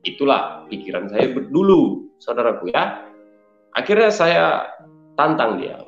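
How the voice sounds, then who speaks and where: A man from Medan with a Medan accent, giving a personal religious testimony in a loud, forceful way and often addressing listeners as brothers. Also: mid-range voice, very animated, unhurried. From Medan, Indonesia. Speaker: testimony speaker. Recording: dull roomy recording with faint music.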